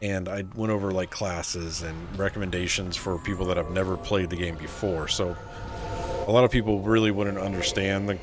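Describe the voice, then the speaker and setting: Deep-voiced guy streaming a game, super laid back, lots of um and so like. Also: fairly even intonation, normal speed, background noise. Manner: laid-back, answers chat, many fillers like "so, like" and "um". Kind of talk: casual live-stream chat.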